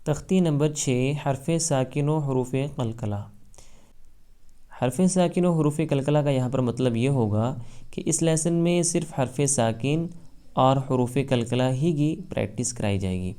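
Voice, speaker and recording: A man teaching a Quran reading lesson, spelling letters out slowly and loudly, then explaining quickly. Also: mid-range voice.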